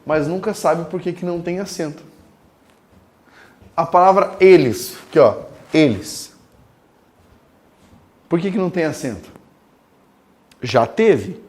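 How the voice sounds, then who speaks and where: Guy teaching grammar, slightly high voice, punchy, slows right down to dictate. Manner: emphatic, dictates terms slowly word by word. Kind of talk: recorded classroom lecture.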